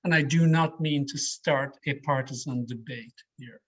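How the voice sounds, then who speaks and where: Over an online video call, a male speech trainer runs a public speaking workshop for his learners. His medium-pitched delivery is deliberate, emphatic and varied, and the call audio is lo-fi and slightly muffled.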